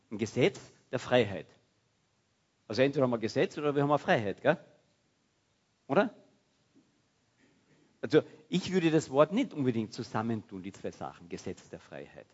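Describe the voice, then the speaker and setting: A man preaching a sermon in a lively, conversational way. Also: mid-range voice, slightly rough, dull audio. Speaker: pastor.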